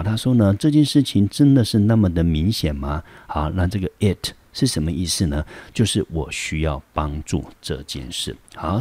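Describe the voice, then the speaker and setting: Low-voiced man teaching English grammar. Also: darkish tone. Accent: Taiwanese Mandarin. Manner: patient, repeats and translates, reads English lines slowly. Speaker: high school English teacher. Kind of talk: classroom lecture explaining a textbook.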